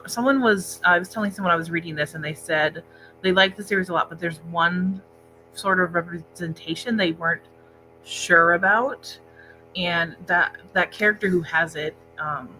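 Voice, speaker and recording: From a laptop set-up in a library room, a woman co-hosts a casual book discussion livestream, chatting conversationally. Her lowish voice has a sharp tone at normal speed. The recording is rough, with slight background noise.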